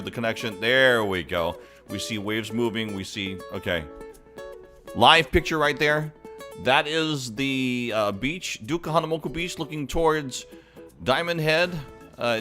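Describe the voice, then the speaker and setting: A man's voice: medium pitch, bright, forceful tone. A man hosting a live-stream chat show, chatty and upbeat as he greets viewers. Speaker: host.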